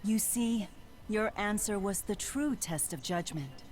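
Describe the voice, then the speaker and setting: Calm, unhurried young heroine played by a woman. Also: medium pitch, soft background music, close to an everyday voice. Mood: calm, trusting. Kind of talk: scripted video game acting.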